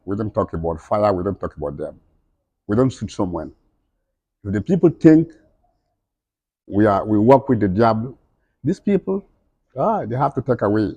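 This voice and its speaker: A man's voice: fairly low pitch, very animated, moderate pace, long pauses, warm tone, husky, no room sound, highs cut off. A middle-aged man speaking emphatically in broken, non-native English, repeating his points as an interviewee. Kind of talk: impassioned conversational speech.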